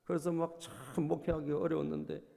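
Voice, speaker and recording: A male pastor preaching a sermon, storytelling and often prompting the congregation, dropping to soft asides and rising to loud bursts. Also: fairly high pitch, flat delivery, fairly quick, vocal fry. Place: church sanctuary. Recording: long reverb of a church hall.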